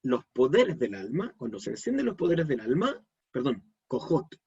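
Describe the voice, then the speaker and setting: A man's voice: mid-range voice, wildly swooping pitch, normal speed, darkish tone, slightly rough, dull audio. A man giving a live online Kabbalah lesson, explaining step by step and checking in with his audience. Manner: explanatory, asks the audience questions. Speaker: Kabbalah teacher.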